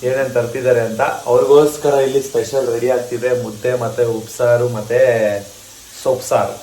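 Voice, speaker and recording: A man's voice: mid-range voice, level tone, a little fast, mellow, echoey room, a little hiss or hum, low-quality recording. A man talking in a casual home vlog as co-host, chatty and often laughing. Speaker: vlogger co-host.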